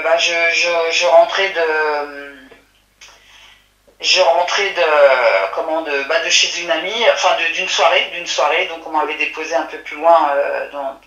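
A woman recounts what she witnessed in a halting way, stopping and restarting often. Her voice is bright and a little tense. The sound is roomy and echoey. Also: low voice, lo-fi sound. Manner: halting, many restarts and fillers. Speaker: witness telling her story. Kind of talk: hesitant testimony by phone or call.

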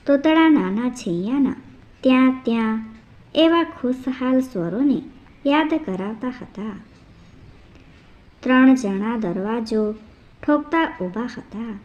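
Woman reading a folk story out loud, kinda high voice, takes it slow. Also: lo-fi sound. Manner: slow, measured reading with quoted dialogue. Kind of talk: scripted narration of a folk tale.

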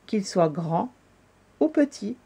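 Woman storyteller, calm children's story reading, mellow voice. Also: medium pitch, slow, vocal fry, husky. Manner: calm, gentle narration.

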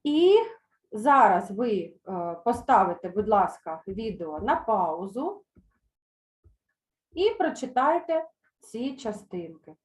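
A woman teacher reading a children's story aloud in an online lesson, then explaining words slowly and carefully with some hesitant fillers. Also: medium pitch, big pitch swings, echoey room. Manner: slow, careful pronunciation of words for pupils to repeat.

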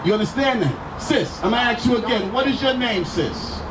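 A man's voice: extremely high pitch, expressive, a little fast. A man in his forties preaching on a street corner into a handheld microphone, commanding and full of pointed questions. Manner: insistent, commanding, repeated rhetorical questions. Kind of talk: confrontational street sermon, explaining scripture. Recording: distant outdoor street PA, crowd noise.

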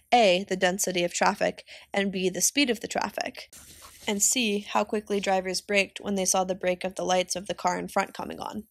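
A woman teacher reading a novel aloud for her class in a steady, plain way. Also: medium pitch, no echo, studio quality.

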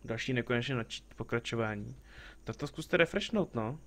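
While streaming a game, a man banters with the characters on screen and greets newcomers in the chat, keeping the commentary casual. His voice is mid-range, expressive, and a bit bright.

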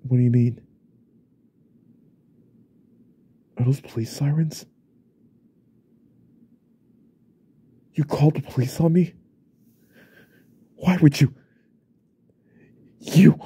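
A young man voicing an unstable, remorseful young husband in a whispered role-play, stammering and repeating himself in a husky, often whispered voice. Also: mid-range voice, steady tone, fast talker, few pauses, mellow. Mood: defensive. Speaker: ASMR role-play creator.

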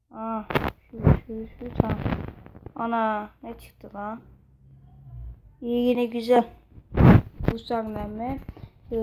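A woman giving casual, excitable commentary while playing a mobile fighting game. She thinks aloud, sounds openly confused at times, swears casually and breaks into loud outbursts. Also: on the high side, heavy background noise. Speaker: mobile game let's-player.

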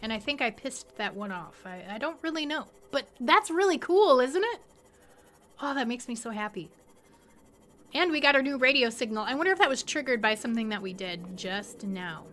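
A woman playing a video game and commenting excitedly, talking to the creatures she meets. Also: fairly high pitch, moderate pace. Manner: excitable, exclaiming, talks to creatures. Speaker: gameplay streamer. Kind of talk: let's play commentary.

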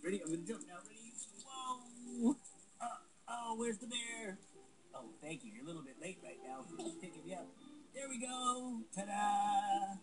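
A man's voice: high voice, normal speed, close to an everyday voice, poor audio. A man voicing a cheerful, boastful little toy frog daredevil in a playful home-movie puppet show, announcing stunts with showy exclamations. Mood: eager, flustered. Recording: home video played through television, music behind.

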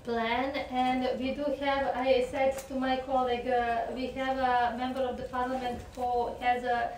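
A woman's voice: on the high side, recorded from a distance, a little hiss or hum. Serbian-accented woman in an echoey room. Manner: halting, searching for words with many fillers. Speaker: member of parliament. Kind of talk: panel remarks. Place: crowded conference room at a long table. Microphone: table microphone, recorded from a camera across the room.

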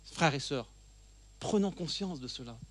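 Speaking a little slowly in a slightly high, animated voice, a middle-aged man gives a church teaching talk as a guest speaker. He's seated at a table in the church hall with a handheld microphone, earnest and emphatic, frequently repeating phrases for emphasis, and the audio has no echo.

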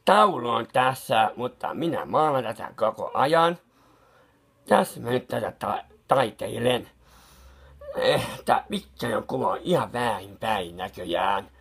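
A man's voice: mid-range voice, expressive, gravelly, a bit bright, breathy edge, heavily acted. A man doing a befuddled muttering clown painter. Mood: muddled. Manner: rambling, confused muttering with restarts; soothing, scolding someone who cries. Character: bumbling, befuddled male clown painter, fussy and kindly. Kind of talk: comic improvised monologue.

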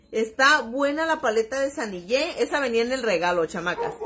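Sitting by her vanity at home, a middle-aged Mexican woman from Baja California hosts a chatty, exclamatory makeup live stream, repeatedly addressing her viewers as "chiquillas." Her voice is slightly high, and there's a little hiss or hum.

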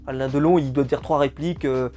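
A man delivers a casual video review of a film in an exasperated, emphatic way. He keeps repeating words to drive his point home, at an ordinary middle pitch. Faint music plays quietly beneath him. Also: steady tone, a little fast. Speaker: film critic.

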